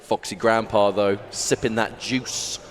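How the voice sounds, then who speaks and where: A man commentating live on a fighting game, excitable and quick to exclaim. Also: fairly low pitch, a little hiss or hum. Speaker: esports commentator. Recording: loud music behind, live venue. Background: music and event venue sound.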